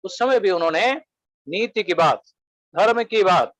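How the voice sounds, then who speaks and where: A man giving a webinar lecture, listing points one by one in a measured way and quoting Sanskrit verses. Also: sits high, animated, fairly bright tone, dry recording, low-quality recording.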